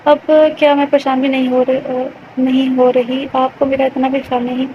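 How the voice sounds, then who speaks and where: A woman's voice: high-pitched, completely flat delivery, slight background noise, natural voice. A woman voicing an anxious young wife with a reproachful, tearful, pleading manner, in a dull lo-fi recording. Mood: upset.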